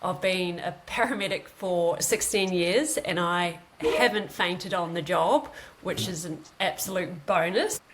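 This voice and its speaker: A woman's voice: fairly low pitch, expressive, unhurried, a bit bright, rough recording. A woman in her late thirties with a broad New Zealand accent, telling her own story conversationally as an interview guest. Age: late 30s. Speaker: guest, paramedic.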